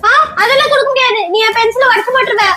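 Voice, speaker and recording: A woman's voice: very high-pitched, steady tone, rapid-fire, music in the background. A woman playing a bratty daughter in a family comedy skit.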